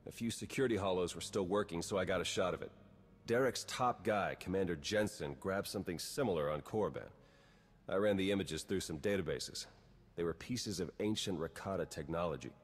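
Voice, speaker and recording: A man with a low, husky voice speaks briskly, acting as a wry, cynical spy in a video game cutscene with a dry, understated delivery. He sounds determined as he gives a briefing, and the recording carries long hall reverb over a noisy background.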